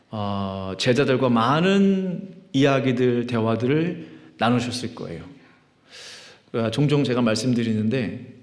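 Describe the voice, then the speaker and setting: A man leading worship as pastor, reading scripture in a drawn-out chant, praying with fervent pleading, and preaching in a conversational way that asks the congregation questions. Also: mid-range voice. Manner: rising, fervent pleading in prayer. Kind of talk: sermon with scripture reading and prayer. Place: church sanctuary. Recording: echoey church hall with long reverb.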